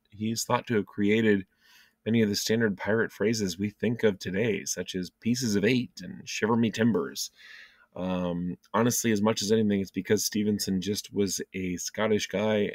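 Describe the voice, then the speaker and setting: A low-pitched man talks through a relaxed video lesson from his basement, with plenty of ums and side notes. The sound is dry and close, with hardly any room echo. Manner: chatty, with frequent ums and asides. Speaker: teacher. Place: home basement.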